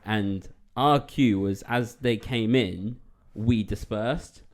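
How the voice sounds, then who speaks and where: A man co-hosting a casual podcast chat, telling stories in an animated way, laughing and swearing freely. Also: fairly low pitch, slow pace. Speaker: podcast co-host.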